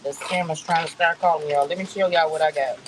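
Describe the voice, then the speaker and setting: A woman's voice: low-pitched, fairly even intonation, fast talker, noisy background. A woman vlogging outdoors, chatting casually to her viewers with lots of fillers and easy laughs. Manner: rambling, laughs often, many fillers. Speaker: vlogger host.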